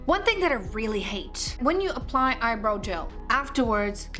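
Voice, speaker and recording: A woman's voice: on the high side, sing-song, moderate pace, fairly bright tone, faint music behind. A woman talking casually through her makeup routine, drifting into personal stories and encouragement. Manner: chatty, drifts into personal anecdotes and pep talk. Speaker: beauty vlogger. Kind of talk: casual makeup tutorial chat.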